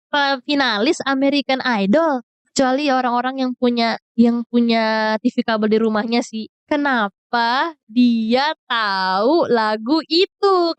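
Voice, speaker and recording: A young woman vlogger tells a storytime in a high, clear voice with a resonant tone and no echo. She's chatty, speaking slang-heavy Jakarta talk and mixing English words in.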